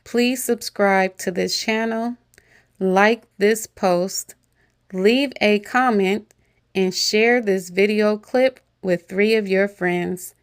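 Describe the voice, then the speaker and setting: A woman host delivering a scripted outro with a measured, deliberate call to action. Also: mid-range voice, clean tone. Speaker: show host.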